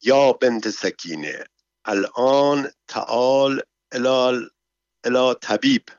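A man's voice: mid-range voice, no echo, close to an everyday voice. A man reading a storybook, voicing a sly, cheerful male servant who coaxes his master along, on a dull, dry recording. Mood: hushed. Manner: coaxing, lively, in broken foreign phrases.

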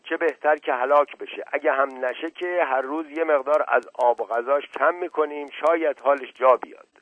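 A man's voice: a little high, no room sound, pitched above the performer's own voice, close to an everyday voice. Man as a shrewd scheming villager, firm and emphatic, tinny phone-like sound. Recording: tinny phone-like dry recording.

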